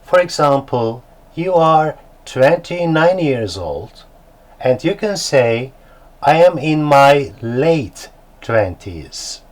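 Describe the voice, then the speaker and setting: A man with a Turkish accent teaching beginner English, slow and deliberate, spelling words out letter by letter. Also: medium pitch, very animated, rough recording.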